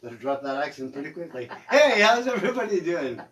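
A man's voice: on the high side, very animated, a little fast, fairly bright tone, recorded from a distance. Jokey man co-hosting. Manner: jokey, wordplay-loving. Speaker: co-host. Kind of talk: casual chat.

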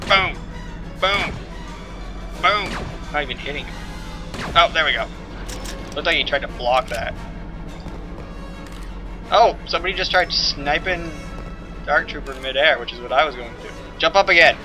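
A young man giving excitable gameplay commentary as a let's play host, exclaiming and laughing often. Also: a little high, normal speed, long pauses, music in the background.

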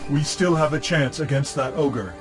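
A man's voice: on the high side, moderate pace, natural voice. A loyal mechanical dragon from a fantasy game, addressing his queen with formal respect, as a man acts him out. His tone is earnest and hopeful, with faint music playing beneath.

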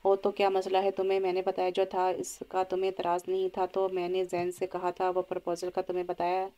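Woman narrator for an audio novel, monotone, mellow. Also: fairly low pitch, brisk. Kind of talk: scripted novel reading.

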